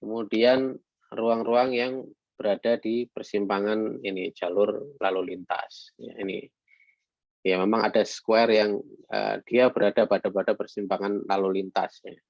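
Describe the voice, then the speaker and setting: A man lecturing to students in a halting way, with many fillers and some read-out English phrases. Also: lowish voice, fairly even intonation, gravelly, dry recording. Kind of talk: online lecture. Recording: dull lo-fi sound.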